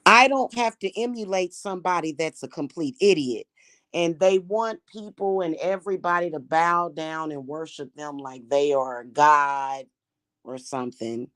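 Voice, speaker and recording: Speaking in a Missouri accent, this Kansas City channel host and spiritual practitioner addresses her viewers with blunt, mocking scorn. Her low-pitched voice is a bit bright and moves at normal speed, with no room sound.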